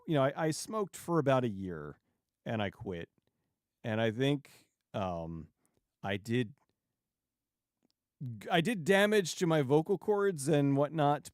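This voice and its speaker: A man hosting a livestream and chatting casually with viewers in a rambling, halting way, often restarting sentences and digressing. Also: medium pitch, darkish tone, smooth, no room sound, studio quality. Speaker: YouTube livestream host.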